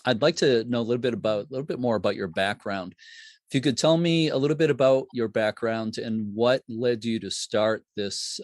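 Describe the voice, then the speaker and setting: A man hosting a podcast, interviewing a guest over a video call in a relaxed, friendly way. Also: mid-range voice, no room sound, studio quality. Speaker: podcast host.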